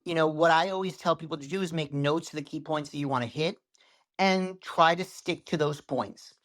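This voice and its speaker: A man's voice: a little high, moderate pace. A man being interviewed as a social media coach, telling stories with shifting speed and tone on what sounds like a video call. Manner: animated storyteller, varies speed and tone for effect. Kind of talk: podcast interview.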